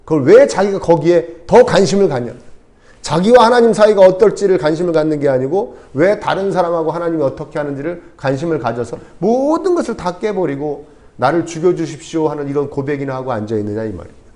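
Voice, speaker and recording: Male pastor preaching, high voice that swoops all over, acts out the story bits. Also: fast talker. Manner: animated storytelling, acting out dialogue. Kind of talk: sermon.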